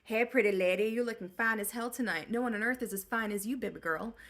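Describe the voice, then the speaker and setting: A woman's voice: a little high, fast talker, fairly bright tone. A woman voicing a sleazy adult man who flirts with cheap pickup lines. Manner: leering pickup-line delivery.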